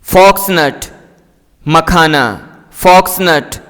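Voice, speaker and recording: A man with a fairly high voice runs a slow vocabulary drill, repeating each word and its meaning twice in a patient, explanatory way. The recording rings with a long, echoey reverb. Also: fairly even intonation, a bit bright. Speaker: English teacher.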